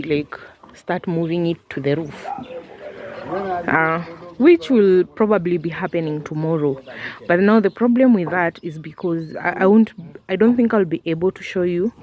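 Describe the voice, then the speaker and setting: A woman's voice: on the low side, darkish tone. Chatty woman vlogging outdoors. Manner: chatty, rambling, with fillers and laughs. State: talking around candy in her mouth. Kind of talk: casual vlog narration. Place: outdoors at a house building site, drizzling.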